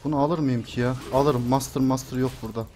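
A man's voice: mid-range voice, fairly even intonation, quick pace, darkish tone, a little hiss or hum. A young man streaming a video game, muttering and cursing to himself, then shrieking in panic when chased. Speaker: gameplay streamer. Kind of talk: live game commentary.

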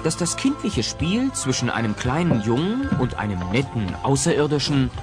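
A man with a medium-pitched voice and big pitch swings narrates a scripted comedy audio drama at a moderate pace, playing a wry storyteller, with music in the background.

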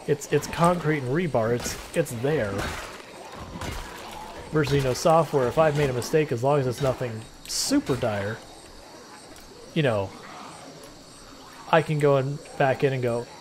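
A man jokes and rambles conversationally as he livestreams a video game, chatting casually with viewers. He speaks in a medium pitch at a measured pace, leaving long pauses, with background noise present.

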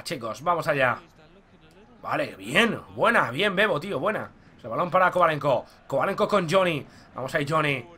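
A young man from commentating his own football video game match, talking to viewers and shouting at goals. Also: on the high side. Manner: excitable, shouts at goals, addresses viewers as "chicos". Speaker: gaming YouTuber.

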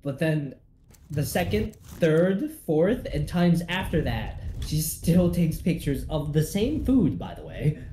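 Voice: mid-range voice, slow pace. A young adult streamer chatting casually, telling a story and acting out the people in it. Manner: animated, acts out quoted people mid-story. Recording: echoey room with faint noise.

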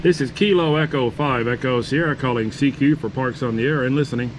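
A man with a medium-pitched voice makes amateur radio calls in phonetic spelling, courteous and repetitive. He is outdoors, with clear steady noise around him. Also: fairly quick. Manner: courteous, repeats himself. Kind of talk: radio contest-style calling, phonetic spelling. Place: outdoors at a campsite table. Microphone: camera on the table beside the radio.

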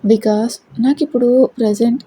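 A woman's voice: a little high, normal speed, dark tone, slightly rough. A woman voicing a brusque young male boss who gives curt, commanding orders in a story reading. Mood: businesslike.

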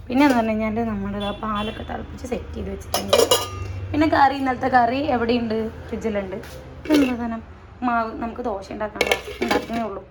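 A young woman talks quickly and loosely to her viewers while cooking at home, with a slightly high, rambling, chatty voice. The phone recording carries clear background noise from the household around her. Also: darkish tone. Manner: chatty, rambling, laughs often. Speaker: vlogger. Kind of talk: casual vlog chat. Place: home kitchen. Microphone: phone camera.

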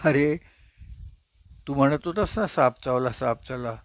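A man voicing a calm friend who keeps reassuring and insisting, in a soothing but firm manner. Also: mid-range voice, a little slow, dry recording, natural voice. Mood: earnest.

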